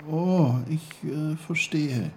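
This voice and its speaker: A man's voice: animated, takes it slowly, warm tone, slight background noise. A man voicing a curious young boy who asks earnest, puzzled questions in a raised voice. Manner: eager, questioning, raised pitch.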